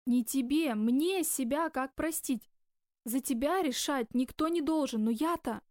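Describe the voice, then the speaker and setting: A woman voicing a tender, remorseful young man who speaks quietly and slowly in an audiobook. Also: sits high, no room sound, studio quality. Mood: self-reproachful. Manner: quiet, slow, guarded.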